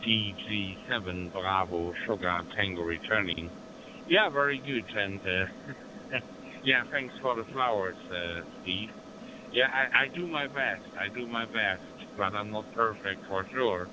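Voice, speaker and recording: A man's voice: fairly low pitch, a little slow. A man with a German accent, making amateur radio small talk in formulaic operator phrasing over a crackly link. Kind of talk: amateur radio contact chat. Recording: noisy radio link, background hum.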